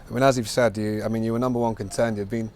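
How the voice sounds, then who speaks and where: A male reporter asking interview questions, adding quick supportive remarks while his guest answers. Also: lowish voice, little pitch movement, darkish tone, slight background noise.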